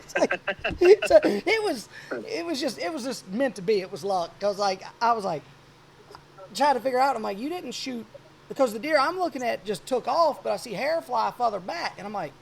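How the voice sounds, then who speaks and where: A man around forty hosting a podcast, telling a hunting story in a rambling, animated way. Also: very high-pitched, moderate pace, gravelly. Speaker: podcast host. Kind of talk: casual chat.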